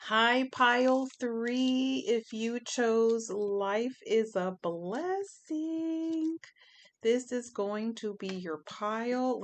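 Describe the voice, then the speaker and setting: A woman's voice: fairly high pitch, a little hiss or hum. A woman giving a chatty pick-a-pile tarot reading, emphatic and fond of repeating her phrases. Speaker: tarot reader.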